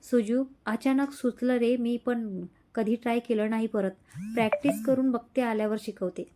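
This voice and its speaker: A woman's voice: fairly high pitch, steady tone, normal speed, mellow, lightly acted. A woman voicing a feisty, bossy young woman. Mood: teasing. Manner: bossy, teasing retorts. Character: feisty young woman college athlete, sharp-tongued.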